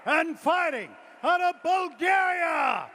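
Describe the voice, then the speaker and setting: A man announcing fighters in a loud, drawn-out ring announcer's delivery in a fight arena. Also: lively intonation. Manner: booming, drawn-out shouted announcing. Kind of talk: fight introductions. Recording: arena with crowd and noise.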